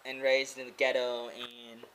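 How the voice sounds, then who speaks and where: A man's voice: medium pitch, monotone, a little slow, a bit bright. A young American man in his twenties from Oregon, talking casually and earnestly to his webcam in a small room, rambling with lots of "like" and repeating himself. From Oregon, USA. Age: 20s. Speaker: vlogger and English teacher. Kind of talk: casual to-camera monologue. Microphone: laptop webcam close up.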